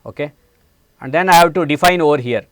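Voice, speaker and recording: This is a classroom lecture on programming, delivered indoors on a studio set by a man in his forties with an Indian English accent. He explains things step by step with plenty of hesitant fillers. His pitch sits on the high side, his pace is quick, and his tone is fairly bright with no room sound.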